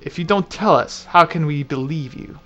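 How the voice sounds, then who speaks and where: A man voicing a gruff, blunt male demon warrior, reading video game dialogue in a stern, deliberate way. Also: on the high side, fairly bright tone, lo-fi sound, faint music behind, close to an everyday voice. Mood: suspicious.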